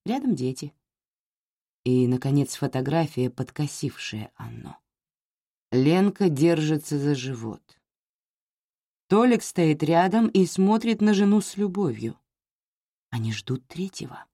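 A woman reading a novel aloud as an audiobook narrator, measured and expressive. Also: low voice, no echo, clean studio sound.

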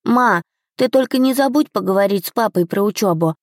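A woman's voice: medium pitch, a little fast, no room sound, clean studio sound, natural voice. A woman voicing a playful, loving four-year-old boy prince in an audiobook, with a raised childlike voice. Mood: excited. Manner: raised childlike voice, eager and pleading. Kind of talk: audiobook character voice.

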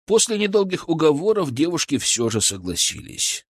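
A man narrating a first-person fantasy audiobook in an expressive, storytelling way. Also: fairly high pitch, moderate pace, husky, no echo, clean studio sound.

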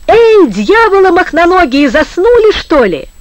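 A man reading an audiobook, voicing a coarse fisherman who yells across the boat. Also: very high voice, big pitch swings, unhurried, no room sound, lo-fi sound, pitched above the performer's own voice, full character voice. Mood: shouting. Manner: bellowing, coarse. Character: rough loud male fisherman shouting orders.

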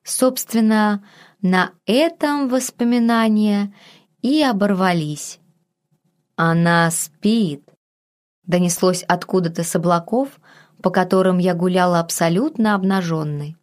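A woman narrating a first-person novel in an even, measured reading. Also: medium pitch. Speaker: audiobook narrator.

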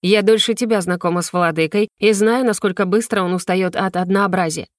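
A woman's voice: medium pitch, steady tone, fairly quick, no room sound, clean studio sound, close to an everyday voice. A woman voicing an arrogant, scheming female former favorite of a ruler in an audiobook, sneering and haughty. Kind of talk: audiobook character voice.

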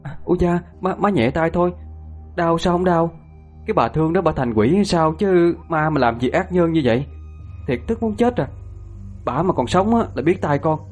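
Brief: whiny young daughter, man voicing, high and shrill, Southern Vietnamese, audio horror tale. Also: animated, normal speed, a little mellow, soft background music. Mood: whiny angry. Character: frightened, sharp-tongued young woman, the daughter.

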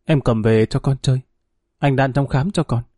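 A resigned condemned man saying goodbye, quiet and steady, as a male narrator voices him. The tone is dark and mellow, recorded close with a dry sound. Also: medium pitch, normal speed, dry recording, natural voice.

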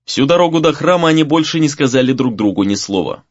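A man reading a fantasy novel aloud as narrator, in a measured reading with varied emphasis. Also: mid-range voice, animated, dry recording, highs cut off. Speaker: audiobook narrator.

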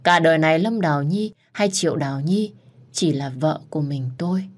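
A woman's voice: deep voice, moderate pace. A woman voicing a devoted young husband who is tender and possessively jealous of his wife. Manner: earnest, possessive.

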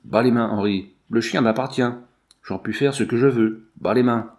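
A man reading a story aloud, voicing a cruel, arrogant young man who threatens and shouts orders. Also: medium pitch, moderate pace, close to an everyday voice. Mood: cruel, haughty. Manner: haughty, threatening, shouts commands.

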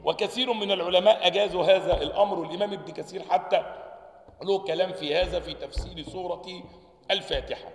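A man's voice: high voice, fairly even intonation, fast. A man with an Egyptian accent teaching a lesson on the articulation of Arabic letters, reading from a text, sounding out the letters and checking often that his students follow. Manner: checks understanding with repeated questions; demonstrates letter sounds aloud. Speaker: sheikh teaching Quran sciences. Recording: echoey hall reverb.

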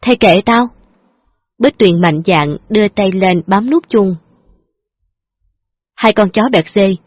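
A woman narrating a story aloud in a steady, expressive reading. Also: mid-range voice, breathy edge, dry recording, highs cut off.

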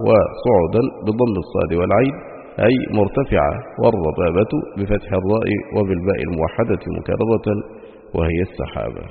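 A man reads a classical religious text in a low voice, slow and measured with a chanted lilt. The sound is thin and phone-like. A long reverb trails after each phrase. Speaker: reader of a hadith book. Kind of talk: recited reading of a religious text.

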